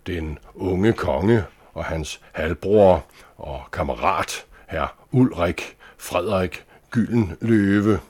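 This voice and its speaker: A man reading a story aloud in a calm, measured storytelling manner. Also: deep voice, slightly rough. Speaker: narrator. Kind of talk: scripted storybook narration.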